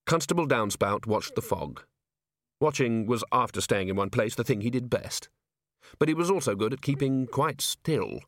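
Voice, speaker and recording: A man reading an audiobook as its narrator in measured storytelling. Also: mid-range voice, lively intonation, dry recording, clean studio sound. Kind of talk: scripted narration.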